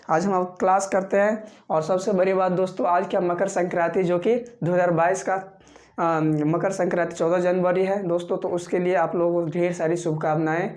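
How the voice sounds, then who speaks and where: A man teaching an online spoken English lesson, repeating each phrase slowly and often calling the viewers his friends. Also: sits high, a little mellow. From Bihar, India. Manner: repetitive drilling, repeats phrases slowly for learners; constantly addresses viewers as friends.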